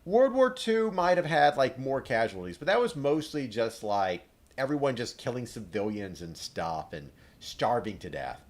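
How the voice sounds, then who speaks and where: A man's voice: medium pitch, very animated, moderate pace. A man hosting a let's play, giving rambling, chatty gameplay commentary with lots of filler words.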